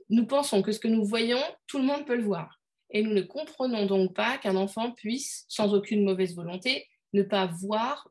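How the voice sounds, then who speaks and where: Leading a teaching workshop online through video call, this woman speaks in a medium pitch with a darkish tone. She's conversational and hesitant, restarting sentences and leaning on many fillers.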